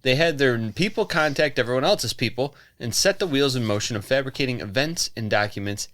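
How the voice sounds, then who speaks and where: A man with a mid-range, fairly quick, slightly bright voice co-hosts a casual podcast, telling a history story packed with jokes and giggles.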